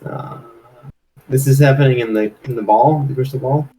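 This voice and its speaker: Noisy recording of a male tabletop player, mid-pitched, hesitant, casual. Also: normal speed, dark tone. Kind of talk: casual in-game chat. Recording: clear background ambient noise.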